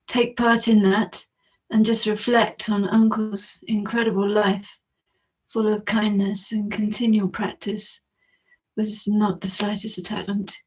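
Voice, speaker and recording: A woman's voice: medium pitch, darkish tone. A woman leading a prayer practice from inside a cave, reciting a liturgy steadily, her voice carrying the cave's echo. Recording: echoey cave, voice far from mic.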